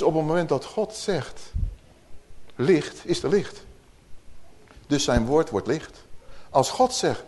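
Lively preacher man. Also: on the high side. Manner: conversational teaching with rhetorical questions. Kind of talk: sermon.

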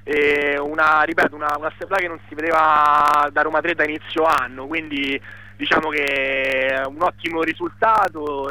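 Phone caller: a man with a higher, bright voice, earnest and repetitive, dry sound. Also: no echo. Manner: explains with repeated filler words, earnest. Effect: heard over a phone line. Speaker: student caller reporting an occupation. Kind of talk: phone-in report on a radio show.

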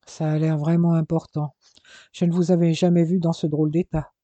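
A man's voice: on the high side, flat delivery, a little fast, mellow, no room sound, muffled recording, close to an everyday voice. A man reading aloud as a grieving, exhausted young woman who speaks wearily. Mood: weary.

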